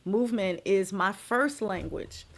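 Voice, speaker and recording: Expressive middle-aged woman telling stories. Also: mid-range voice, measured pace. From United States. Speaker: guest, dance and movement healer. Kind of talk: podcast interview.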